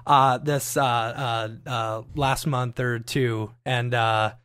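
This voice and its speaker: A man's voice: medium pitch, fairly even intonation, slow, a bit bright, smooth. A man hosting a podcast, chatting casually with a guest, enthusiastic and full of fillers and restarts. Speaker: podcast host. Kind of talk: casual interview chat.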